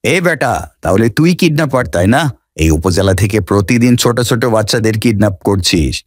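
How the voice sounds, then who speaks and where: A man's voice: fairly low pitch, expressive, brisk, dry recording, clean studio sound. A man voicing a stern, commanding police officer in a cartoon.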